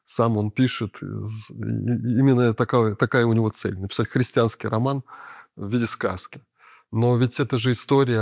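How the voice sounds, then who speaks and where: A man giving an unscripted lecture, explaining at a thoughtful pace with frequent filler pauses. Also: fairly low pitch, creaky, a little mellow, dry recording, studio quality.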